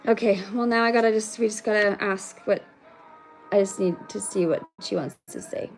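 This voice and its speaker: A woman's voice: mid-range voice, fairly even intonation, normal speed, faint music behind. A woman giving a livestreamed spiritual card reading in a rambling, casual way, swearing freely. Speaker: spiritual reader.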